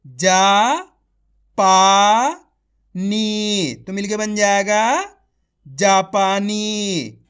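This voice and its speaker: Very slow, deliberate Hindi reading teacher. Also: male voice, high voice, fairly bright tone. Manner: sounds out each syllable, then blends it into the word; addresses viewers as friends, giving simple instructions. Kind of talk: slow syllable-by-syllable reading lesson.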